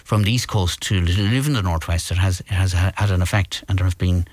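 Low-voiced Irish male radio host. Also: quick pace, no room sound. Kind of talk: conversational interviewing.

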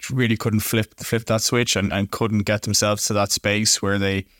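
A man's voice: fairly low pitch, level tone, normal speed, a bit bright, no echo, studio quality. A man with a west of Ireland accent, a kicking coach telling his story in interview style. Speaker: kicking coach, former pro kicker.

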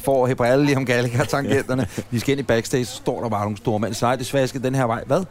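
Guy spinning a long anecdote over coffee, chatty, kinda rambling, normal pitch. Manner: rambling, animated anecdote-teller. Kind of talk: casual storytelling chat. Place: café.

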